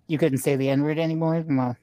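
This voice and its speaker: A man guesting on a casual podcast, cracking dry deadpan jokes. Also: fairly high pitch, no echo. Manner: slow, dry deadpan humor. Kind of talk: casual crude banter.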